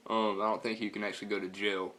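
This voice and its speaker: A man's voice: fairly low pitch, level tone, quick pace, bright, forceful tone. A young man with a Southern US accent telling a story casually in a slangy, profane, rambling way. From North Carolina, US.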